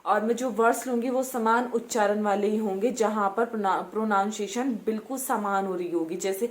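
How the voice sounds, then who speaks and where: A young woman tutor casually explaining how to teach children reading, slowly sounding out English words letter by letter, with many fillers and repetitions. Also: mid-range voice, slight background noise. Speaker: home tutor.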